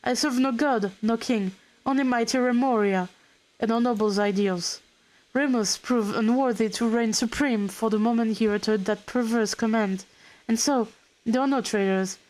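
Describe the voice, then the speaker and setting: A woman's voice: on the high side, normal speed, a little mellow, lightly acted, poor audio. A woman reading aloud a scheming ancient male villain who talks in pompous, archaic phrases. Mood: grandiose. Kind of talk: reading game dialogue aloud.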